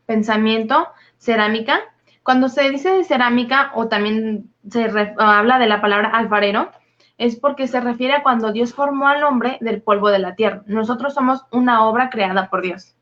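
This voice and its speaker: Higher-voiced woman teaching a Bible study. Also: fairly bright tone. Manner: methodical, listing definitions. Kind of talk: explaining scripture word meanings. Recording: dull lo-fi recording.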